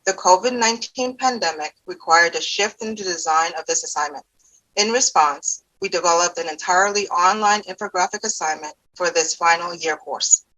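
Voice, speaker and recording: A woman's voice: fairly low pitch, normal speed, bright, forceful tone, poor audio. A woman presenting from a script, narrating an overview.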